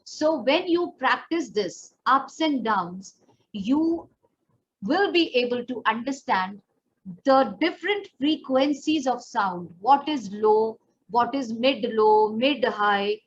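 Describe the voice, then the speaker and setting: A pageant and personal development trainer with an Indian accent coaches a voice training lesson, explaining each step and demonstrating as she speaks directly to the learner. Her voice is fairly high and expressive, and she takes her time. The lo-fi recording sounds dull, with faint background noise.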